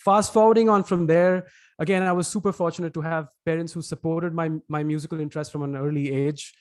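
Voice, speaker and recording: This is a man with an Indian accent, speaking with a slightly high voice in a dry, close recording. He explains things at length and thinks aloud, with frequent "uh"s and restarts as he answers a host's questions over a video call. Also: steady tone, quick pace, clear, resonant tone, dry recording. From India, Mumbai. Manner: thoughtful, elaborate, frequent "uh" and restarts. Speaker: podcast producer, guest. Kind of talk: webinar interview.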